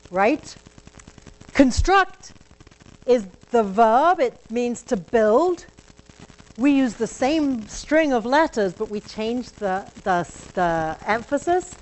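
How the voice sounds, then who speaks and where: A woman's voice: a little high, a little mellow, poor audio. A woman with an accent, lecturing a university class in a conversational way, explaining step by step. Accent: non-local accent. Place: lecture room.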